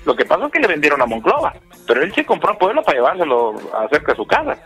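Mexican male sports panelist, husky and raised in pitch, combative and teasing. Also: huge pitch swings, rapid-fire, a bit bright, faint music behind. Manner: pushy, teasing, demands yes-or-no answers. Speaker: baseball debate panelist. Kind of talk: heated sports debate.

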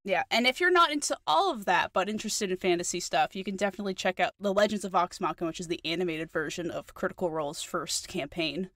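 A woman's voice: fairly low pitch, expressive, quick pace, hardly any pauses, a bit bright, no echo, clean studio sound. A woman with a New Zealand accent co-hosting a podcast, chatting eagerly with lots of fillers. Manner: chatty, enthusiastic, many fillers. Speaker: podcast co-host. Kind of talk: casual chat.

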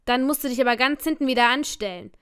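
A woman's voice: sits high, fast talker, fairly bright tone, smooth, dry recording, studio quality. A woman reading a firm male concert security guard in an audiobook. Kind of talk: audiobook character voice.

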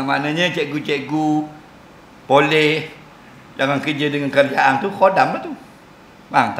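A man's voice: medium pitch, pushed and bright, a little hiss or hum. A man giving a jokey mosque lecture, often asking the audience if they understand. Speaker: religious lecturer. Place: mosque hall. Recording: roomy mosque hall sound.

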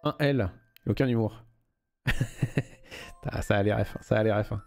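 A man's voice: on the low side, a little slow, a little mellow, soft background music. A young man streaming a game live, reading the story aloud and chatting loosely with viewers, swearing freely.

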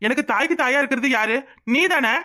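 A woman voices a hot-tempered young village man in a cartoon, fiercely protective of his family and vengeful. He speaks in a high, bright, fast voice. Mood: hurt. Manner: fiery, vengeful. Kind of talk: cartoon voice acting.

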